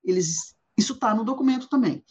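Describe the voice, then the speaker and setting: A woman's voice: a little high, lively intonation, brisk, darkish tone. A woman from Goiás, Brazil, leading an informal discussion, reading quotes and thinking aloud with many restarts. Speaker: discussion host. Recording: dull lo-fi sound.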